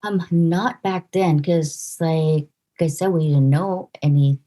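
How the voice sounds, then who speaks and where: A woman in her forties from the Philippines, a podcast guest speaking in an earnest, halting way with fillers and restarts. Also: sits low, warm tone. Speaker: podcast guest, nurse practitioner. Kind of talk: casual interview conversation.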